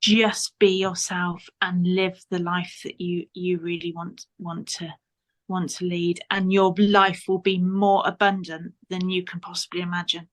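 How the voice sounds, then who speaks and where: A woman's voice: lowish voice, little pitch movement, measured pace. A woman guest on a podcast interview, giving earnest motivational advice and repeating points for emphasis.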